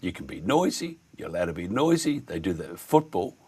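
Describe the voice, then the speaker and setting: A man hosting a conversational radio interview, speaking in a halting, rambling, opinionated way. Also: sits low, big pitch swings, a little mellow, husky. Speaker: radio host.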